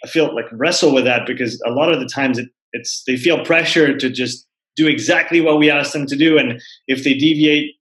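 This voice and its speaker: A man's voice: mid-range voice, brisk, a bit bright. A man hosting an interview, a personal trainer himself, asking long questions and repeating words as he forms them. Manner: searching, repeats words while forming questions. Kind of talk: conversational interviewing. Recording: roomy echo.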